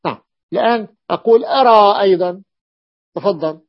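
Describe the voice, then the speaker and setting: With a high-pitched, brisk voice, a man walks through a classical Arabic text on morphology, going over key forms again and calling on a student to continue reading. The recording has its highs cut off.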